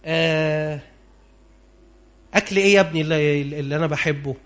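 A man's voice: on the high side, a little fast, fairly bright tone, natural voice. Preacher voicing a doubtful blind old father. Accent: Egyptian Arabic.

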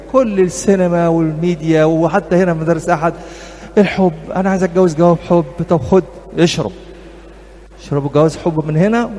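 A man's voice: a little high, warm tone. A middle-aged man with an Egyptian accent giving a talk to couples at church as a marriage counselor, humorous and anecdotal, speaking straight to his audience. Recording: reverberant hall, faint background noise.

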